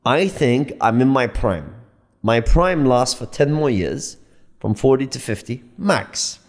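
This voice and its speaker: Man in his late thirties, lively swooping voice, emphatic, casual podcast debate. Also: medium pitch, takes it slowly. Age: 30s. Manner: animated, emphatic, interrupts and repeats himself. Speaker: podcast guest.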